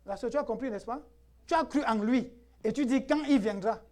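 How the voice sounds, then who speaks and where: A man's voice: very high-pitched, normal speed, darkish tone. Emphatic male pastor preaching to his church. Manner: emphatic, rhetorical questions, laughs often. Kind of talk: preaching a sermon.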